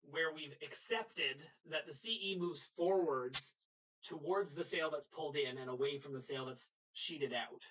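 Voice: medium pitch, pushed and bright, low-quality recording. A sailing instructor giving a live webinar lecture over a video call, explaining patiently and checking in with the class.

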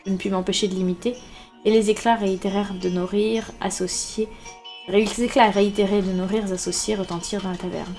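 Lady reading a storybook aloud, steady pace, little slips now and then. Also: mid-range voice, a little fast, faint music behind. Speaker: reader.

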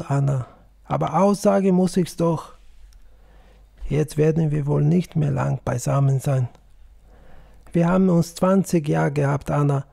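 A calm, tender old peasant on his deathbed, talking slowly and with resignation, as a man reading an audiobook plays him. The voice is gravelly and husky, with a dark tone. The recording is dry and close. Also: fairly high pitch, no room sound, full character voice. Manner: slow, gentle, resigned speech.

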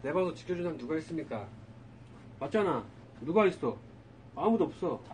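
A man's voice: on the high side, sing-song, brisk, a little mellow, slight background noise. A young man live streaming, talking casually to his chat, exasperated and scolding, with some swearing.

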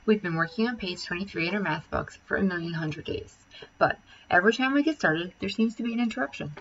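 A woman teacher reading a children's chapter book aloud, with lively, expressive storytelling. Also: medium pitch, fast, muffled recording, slight background noise.

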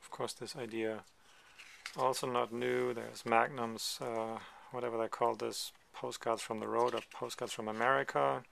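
A man casually presenting a photo book he is paging through at a table, talking in a relaxed, hesitant way with many ums and side remarks. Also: mid-range voice, moderate pace, gravelly, a little hiss or hum. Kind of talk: casual show-and-tell commentary. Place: indoors at a table, filming a book from above.

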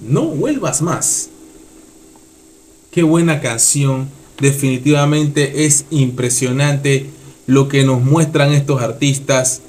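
A man's voice: mid-range voice, level tone, takes it slowly. A man reacting to a music video in casual commentary, enthusiastic and repeating short phrases. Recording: loud song playing under the voice.

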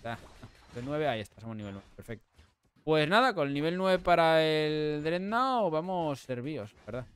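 A man with an accent from Spain giving live gameplay commentary, excitable and repeating himself, breaking into shouts. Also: fairly high pitch, moderate pace, clear, resonant tone. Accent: Spain Spanish. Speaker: gaming streamer.

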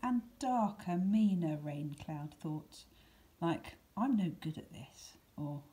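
A teacher with a lowish, mellow voice reads a picture book aloud for young children, taking her time and using animated intonation. Her scripted storytelling is deliberate and expressive, with dramatic emphasis and hushed words, and there's faint background noise.

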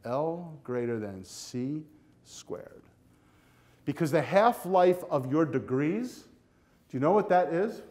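An older man delivers a keynote from a hotel ballroom stage, his voice pitched a touch high for a man. He talks with lively, coaching energy, speaking straight to the students in front of him. The sound is a close lapel mic. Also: slow. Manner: energetic, animated, walks the stage with a handheld clicker. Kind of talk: conference keynote speech. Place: hotel ballroom with a seated audience.

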